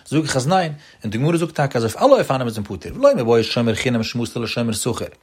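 Fast, husky-voiced man teaching religious law. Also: medium pitch, very animated, darkish tone.

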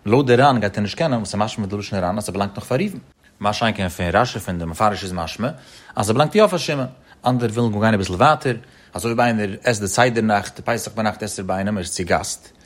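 A man giving a Talmud study lecture in a sing-song study-hall intonation, rising and dropping in pitch as he works through the text. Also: animated, fast. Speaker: Talmud teacher.

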